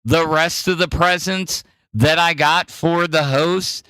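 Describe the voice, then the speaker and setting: A man hosting a podcast in casual, profane commentary, animated and jumping between loud outbursts and mumbles. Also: on the high side, slow pace, no room sound. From Wisconsin. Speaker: podcast host. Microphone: studio mic in front of green screen.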